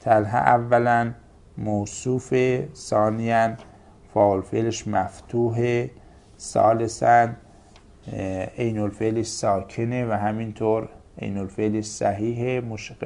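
A man's voice: medium pitch, vocal fry, warm tone. A man teaching a grammar lesson, listing example words in careful paired recitation. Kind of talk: Arabic grammar lecture.

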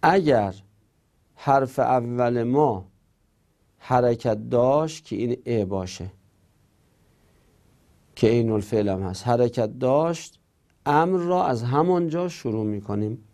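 Man, teacher, gravelly voice, dark mellow tone, methodical grammar lesson. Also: medium pitch, pauses often. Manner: methodical, reads rules aloud then explains them.

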